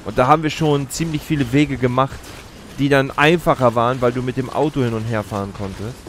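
Slight background noise sits under this man's medium-pitched, steady, brisk delivery. He's in his thirties, a let's play host at an indoor streaming setup, and his casual gameplay commentary is explanatory and chatty, picked up by a close streaming mic at his gaming chair.

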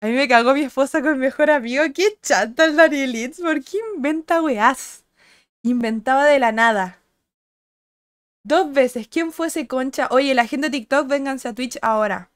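A young Chilean woman streaming, chatting casually and crudely with her viewers and greeting them by name, her voice a little husky today. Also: high voice, fairly bright tone, dry recording, studio quality. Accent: Chilean Spanish. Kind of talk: casual chat with live chat viewers.

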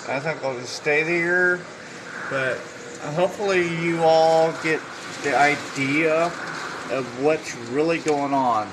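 Guy just talking through a storm as he watches, super loud wind noise. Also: a little high, slow pace. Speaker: amateur storm eyewitness. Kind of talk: casual live storm narration. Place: inside a home during hurricane. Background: roaring storm wind.

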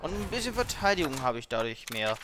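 Higher-voiced man doing casual gameplay commentary. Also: sing-song, fast, background noise. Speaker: let's player, streamer. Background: game music and sound effects.

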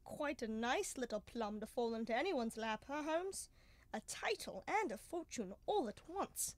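A woman plays a jaunty, genial doctor in a 1930s-style radio drama. The voice sits fairly high and sounds close and dry, chatty and old-fashioned in manner. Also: animated, measured pace, no echo. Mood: jaunty, curious. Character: chatty, genial male doctor, detective's companion. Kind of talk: 1930s radio mystery acting.

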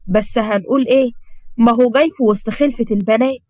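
Storybook mom, opinionated and talkative, Egyptian, played by a woman narrator, lifted pitch. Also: quick pace, a little mellow, dry recording, studio quality, close to an everyday voice. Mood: disapproving. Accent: Egyptian Arabic. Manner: chatty, disapproving. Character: worried, opinionated middle-aged mother talking to her daughter.

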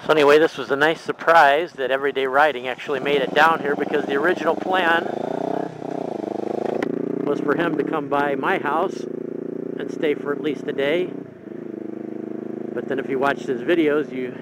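A man's voice: a little high, steady tone, moderate pace, pauses often. A man with a Midwestern American accent, vlogging casually from his motorcycle with rambling asides. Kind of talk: casual narration while riding. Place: outdoors on a motorcycle in city traffic. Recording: road and engine noise.

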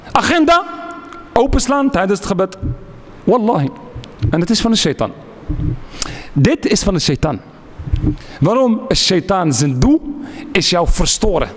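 A man's voice: high voice, in a large hall. A man giving a sermon, emphatic, repeating key phrases and asking and answering his own questions. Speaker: speaker giving a religious lecture. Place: lecture hall.

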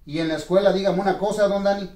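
A man's voice: high-pitched, steady tone, quick pace, mellow. A man hosts a ventriloquist comedy sketch. He speaks politely and moralizes as he scolds his puppet. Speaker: host and ventriloquist. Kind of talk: family comedy sketch with a lesson. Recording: roomy echo, far from mic.

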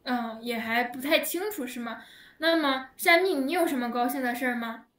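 A woman teaching an online language lesson over a video call, speaking slowly and patiently, drawing out words for her learners. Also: sits high, fairly bright tone. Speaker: Chinese teacher. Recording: echoey room, heard from a distance.

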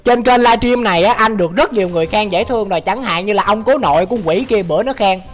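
A man's voice: sits high, fast. A young man hosts a casual livestream, reading viewer comments aloud and answering them with joking, exasperated wails. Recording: faint music in the background.

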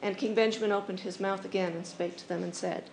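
A woman's voice: medium pitch, fairly even intonation, fast, darkish tone. A woman reciting scripture as narration. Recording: echoey room with faint noise.

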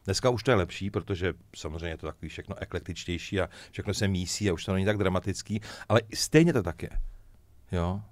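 A man's voice: low-pitched, dry recording. A middle-aged man, a musician guest, chatting casually in an interview and telling jokey stories. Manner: lively joking storyteller, chuckles often.

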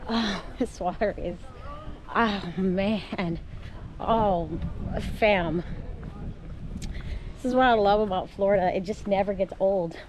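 A woman's voice: mid-range voice, slow pace, pauses often, noisy background. A middle-aged woman chatting straight to her viewers as she films herself on park trails. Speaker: vlogger. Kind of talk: casual vlog narration. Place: outdoor park trails by a spring. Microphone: handheld camera at arm's length.

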